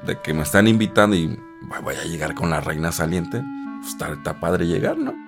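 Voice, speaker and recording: Fields: Sex: man. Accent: Mexican Spanish. Pitch: very low. Style: personal storytelling. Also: fairly quick, gravelly. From Isthmus of Tehuantepec, Mexico. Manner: chatty, animated, voices others in a high register. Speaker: interviewee telling his life story. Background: guitar music.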